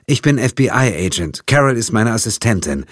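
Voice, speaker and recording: A man's voice: lowish voice, very animated, normal speed, no echo, studio quality, pitched above the performer's own voice. A man voicing a composed female FBI agent who speaks in a level, matter-of-fact way, in an audiobook. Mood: calm. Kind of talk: audiobook character voice.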